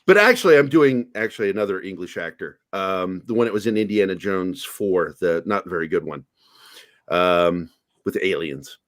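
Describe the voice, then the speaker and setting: A man's voice: deep voice, lively intonation, moderate pace, fairly bright tone. Crude, joking male podcast host. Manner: crude, joking, laughs often. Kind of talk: casual chat.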